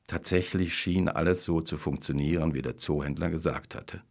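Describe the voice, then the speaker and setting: Deep-voiced man reading a story. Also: normal speed, gravelly. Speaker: narrator. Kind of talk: scripted narration.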